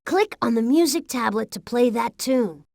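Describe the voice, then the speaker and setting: A woman's voice: fairly high pitch, lively intonation, moderate pace, creaky, background noise. A woman voicing an eager, chirpy little robot guide. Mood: upbeat. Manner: upbeat, instructive. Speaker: game guide. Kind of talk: 1990s educational game voice acting.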